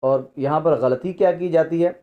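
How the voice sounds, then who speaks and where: A man teaching a recitation lesson, spelling out sounds slowly and stretching vowels for learners. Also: fairly high pitch, narrow, tinny audio.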